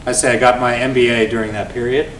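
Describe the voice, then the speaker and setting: Talking fast, a venture investor in his forties tells an event audience the story of his founding days, full of energy and dotted with "right?". He stands well back from the mic in a reverberant hall, over a faint low rumble.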